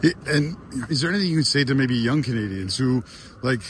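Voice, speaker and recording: A man's voice: medium pitch, expressive, brisk, a bit bright, a little hiss or hum. A man interviewing a footballer, asking long rambling questions. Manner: rambling multi-part questions. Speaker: sideline interviewer.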